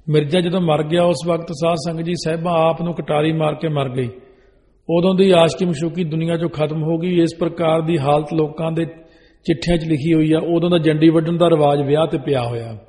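A man's voice: fairly high pitch, dark tone, long reverb tail. A man preaching a religious sermon, laying out rules one by one and reciting scripture verses in a chanting cadence. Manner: instructive, rule-listing delivery. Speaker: Sikh preacher. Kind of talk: religious sermon on wedding rites.

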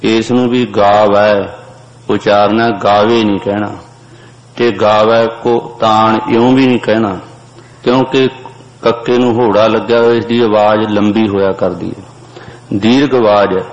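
A man teaching how to pronounce sacred verses. He chants each line slowly, then explains it plainly. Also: fairly low pitch, fairly even intonation. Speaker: scripture recitation teacher. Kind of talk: slow chanted recitation with spoken pronunciation notes. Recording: dull lo-fi audio with long hall reverb.

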